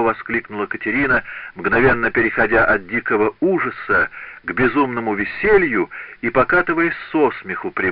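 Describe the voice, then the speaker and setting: A man narrating a novel as an audiobook reader, with expressive literary reading. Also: lowish voice, a little hiss or hum. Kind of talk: scripted narration. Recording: dull, lo-fi dry audiobook recording.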